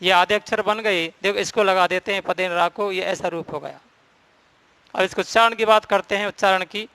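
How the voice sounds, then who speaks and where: A man teaching a grammar class in a high, clear and crisp voice. He explains each rule step by step and stresses the key points, recorded close and dry with no room echo. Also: steady tone, moderate pace, pushed and bright. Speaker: Hindi teacher.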